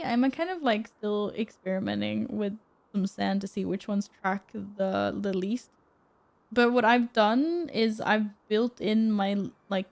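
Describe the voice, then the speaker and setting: A young woman from Sweden, chatting casually with her stream viewers from her apartment, reading their messages aloud and laughing often. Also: on the high side. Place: apartment room at home.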